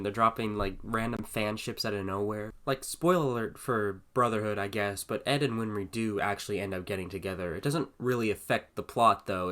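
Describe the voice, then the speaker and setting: A young man hosting a video reads fan fiction aloud and comments on it, rambling and exasperated, with plenty of filler words. His voice is lowish with a fairly bright tone.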